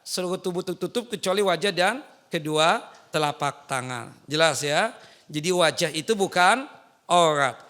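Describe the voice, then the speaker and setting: A man's voice: on the high side, lively intonation, normal speed, fairly bright tone. A middle-aged man preaching to a group of women in a mosque, playful and constantly quizzing them with rhetorical questions. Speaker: Islamic preacher teaching women. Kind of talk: religious study lecture.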